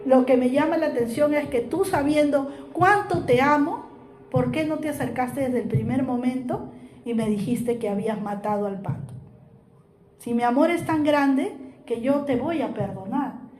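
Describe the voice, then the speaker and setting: A woman's voice: sits high, normal speed, a little mellow, a little hiss or hum, lightly acted. A woman voicing a loving, wise old grandmother who speaks tenderly and coaxingly, in a spoken story. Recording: roomy echo.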